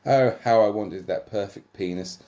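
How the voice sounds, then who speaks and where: A man playing a cocky young fighter who is pleased with himself and brags in a raised, proud voice. The read is a comic storybook take, low-voiced underneath the bravado. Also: moderate pace, mellow, close to an everyday voice. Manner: boastful, self-satisfied.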